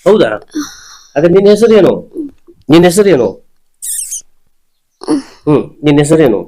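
A man's voice: on the high side, sing-song, a little slow, mellow, low-quality recording. A man, a spirit healer who keeps repeating short, insistent questions and commands. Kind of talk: ritual interrogation.

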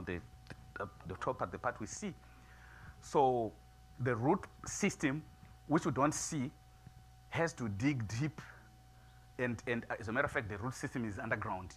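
A middle-aged man preaching a sermon in a small church, moving from quiet musing to loud, emphatic preaching. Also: on the low side, slight background noise. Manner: builds from soft musing to loud preaching, gestures widely. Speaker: pastor. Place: small church sanctuary, seated before altar flowers.

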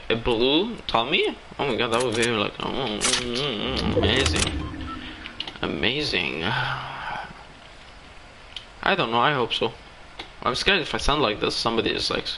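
Guy streaming a shooter, chatty and excitable, bright voice, bit of hiss. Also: mid-range voice. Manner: excitable, talks to himself while playing. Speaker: gaming streamer. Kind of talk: live game commentary.

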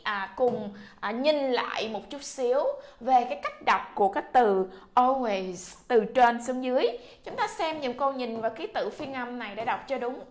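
High-voiced Vietnamese woman teaching English. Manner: drills sounds with repetition, coaxing. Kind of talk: classroom pronunciation lesson.

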